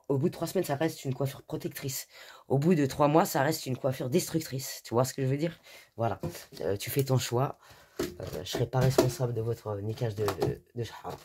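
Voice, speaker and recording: A young woman vlogging at home in a slangy, ranting, swearing style, sick with a cough. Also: rumbling low. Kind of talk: casual chat to camera. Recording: noisy with clicking sounds.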